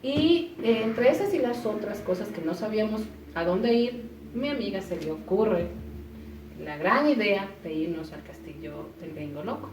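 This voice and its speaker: Woman, animated storytelling, mid pitch, roomy echo, distant mic. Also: normal speed, noisy background. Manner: animated, acts out quoted voices with pitch jumps. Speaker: storyteller recounting an experience. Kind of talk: casual spoken storytelling.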